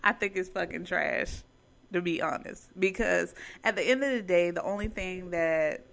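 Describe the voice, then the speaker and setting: A woman's voice: on the low side, moderate pace, creaky, fairly bright tone, a little hiss or hum. A woman dropping in as a guest on a home podcast, giving blunt, scornful opinions. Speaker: impromptu guest. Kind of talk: casual chat.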